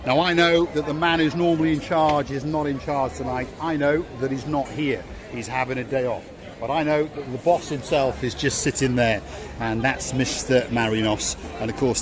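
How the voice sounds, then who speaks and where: Out on a crowded harbour front at evening, a North Wales vlog host with a Welsh accent walks and guides his camera, chatting and joking upbeat with passersby. He speaks at a moderate pace in a medium pitch, with crowd chatter audible behind.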